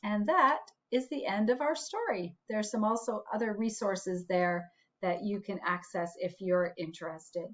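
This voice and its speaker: Reading a picture book aloud to children, a woman school principal speaks in a mid-range voice with a deliberate, expressive, teacherly style and asides for her listeners. It is a dull, lo-fi recording.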